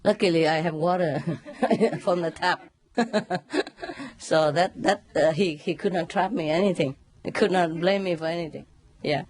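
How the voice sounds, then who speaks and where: A woman's voice: fairly low pitch, unhurried. Laughing woman telling a story. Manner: laughs often, animated storytelling with sound imitations. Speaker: spiritual teacher. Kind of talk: casual spoken talk.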